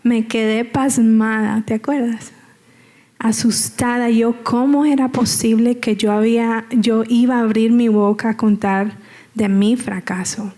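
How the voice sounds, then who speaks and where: A guest speaker with a fairly high, steady, warm voice shares her personal story as a church testimony at an unhurried pace. She speaks conversationally, repeating phrases and checking in with the audience.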